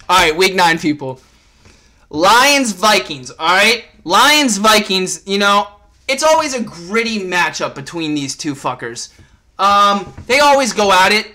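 A high-pitched young man with a bright, forceful voice, ranting casually about football as a podcast host. He rambles, swears freely and gets worked up. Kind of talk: casual sports rant.

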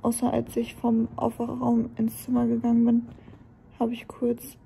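A woman's voice: a little high, completely flat delivery, moderate pace, vocal fry, warm tone, slight background noise. A woman vlogging casually to camera, talking in a candid, rambling way, worn out and in pain after surgery. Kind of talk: casual vlog talk to camera.

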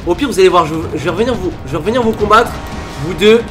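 A man giving excited gameplay commentary as a gaming YouTuber, repeating his phrases over and over and talking to his subscribers. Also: sits high, rapid-fire. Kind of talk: live Minecraft gameplay commentary. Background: background music.

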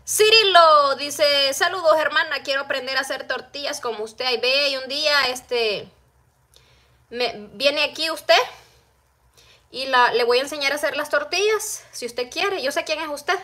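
Woman, middle-aged, high voice, chatty, reads comments aloud, home kitchen, phone mic up close. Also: moderate pace, sharp tone. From El Salvador. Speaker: vlogger. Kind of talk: casual live-stream chat while cooking. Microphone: phone camera close-up.

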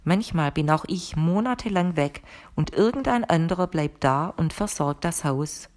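A woman reader voicing a composed, mysterious woman who speaks calmly and firmly to her guest in an audiobook. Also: fairly low pitch, moderate pace, natural voice. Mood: explaining calmly. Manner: calm, firm and matter-of-fact. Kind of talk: audiobook character reading.

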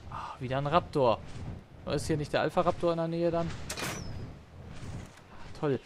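A man's voice: fairly high pitch, moderate pace, slight background noise. A man giving gameplay commentary, exasperated, swearing at the game and calling to the creatures on screen. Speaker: let's play gamer. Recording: game music loud behind voice. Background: game music.

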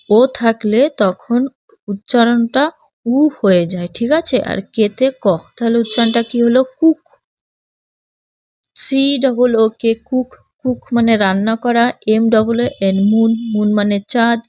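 A woman teacher speaks slowly and patiently in a fairly high voice, spelling words out letter by letter before explaining each one for children. The recording is dry and close, with a muffled, lo-fi sound. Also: a little mellow, no room sound. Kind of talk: children's textbook lesson. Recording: dull lo-fi, dry.

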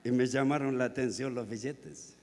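Chilean pastor at a convention, storytelling sermon with big loud climaxes, voice ringing in a large hall. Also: male voice, medium pitch, fairly even intonation, normal speed. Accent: Chilean Spanish. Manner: storytelling, swings from hushed to loud emphatic peaks. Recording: long hall reverb.

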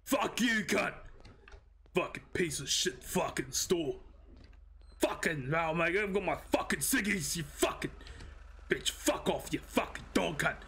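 A man's voice: on the high side, lively intonation, measured pace, gravelly, bright, forceful tone, full character voice. A man with a New Zealand accent playing a crude, grumpy older bloke who is hard of hearing, drawling and swearing, calling everyone mate. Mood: grumbling. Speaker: streamer in roleplay. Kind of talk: improvised roleplay in voice chat.

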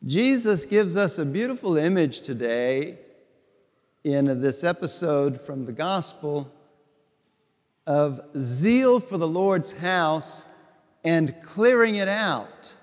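A middle-aged man, a bishop, giving a homily at Mass in a slow, deliberate, conversational way with repeated phrases. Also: fairly high pitch, animated. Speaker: bishop preaching. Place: large church sanctuary before the altar. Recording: long church reverb.

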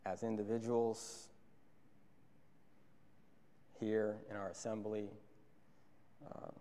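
A young man delivers an earnest sermon from behind a pulpit, speaking into a stand microphone. His voice sits fairly low, and he often repeats a phrase to drive it home. The church sanctuary adds a long, trailing reverb to every word. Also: little pitch movement, measured pace, mellow. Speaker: preacher.

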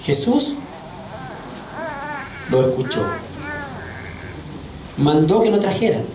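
A man's voice: fairly high pitch, lively intonation, slow pace, a crowd in the background. A man preaching a sermon in a church, earnest and asking his congregation questions. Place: church sanctuary. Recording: echoey church audio from far off, faint noise.

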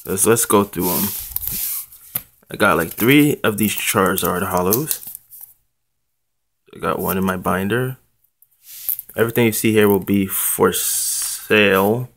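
A young man with a low-pitched voice hosts a casual unboxing vlog. He speaks slowly and haltingly, with an easygoing, offhand delivery. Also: gravelly, a bit bright. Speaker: trading card channel host.

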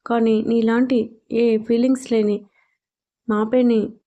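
Cheeky chatty young girlfriend in a love story voiced by a lady reader, slightly high soft mellow voice. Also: level tone, slow pace, muffled recording. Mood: teasing. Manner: chatty and mischievous. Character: playful, teasing young woman in love. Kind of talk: storybook audio drama reading.

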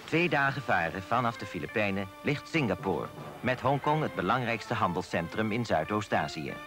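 Male narrator, lowish voice, formal scripted read over prominent music. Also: lively intonation. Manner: measured, formal. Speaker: documentary narrator. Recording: voice-over with loud music behind.

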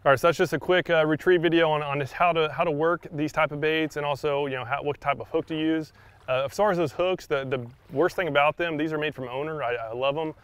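A young man giving a casual fishing tutorial outdoors on a beach, talking in a relaxed way with many fillers and repeated words. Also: fairly high pitch, fast, clean tone, no echo. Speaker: fishing instructor. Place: sandy shoreline outdoors by open water.

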